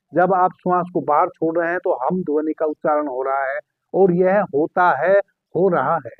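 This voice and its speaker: A man calmly giving guided meditation instructions as a spiritual teacher, repeating key phrases slowly. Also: sits high, dry recording. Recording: tinny phone-like sound.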